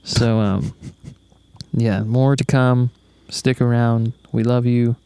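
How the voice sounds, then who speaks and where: A man's voice: medium pitch, little pitch movement, slow, dark tone, clean tone, no room sound. A young man co-hosting a podcast, talking in a laid-back, rambling way with plenty of swearing, recorded outdoors in the woods at night. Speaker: podcast co-host. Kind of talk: casual chat.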